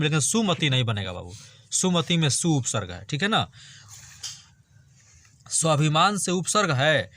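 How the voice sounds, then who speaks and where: A man's voice: fairly high pitch, fairly bright tone, no room sound. A male teacher gives an online grammar lesson, reading word lists aloud and joking with his students. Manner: chatty, jokes with students, drills word lists.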